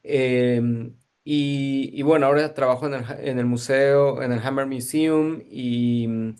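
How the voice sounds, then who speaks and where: A man's voice: medium pitch, steady tone, unhurried, a little mellow, clear, resonant tone. A man from Guatemala, a museum curator giving thoughtful, searching answers in an interview.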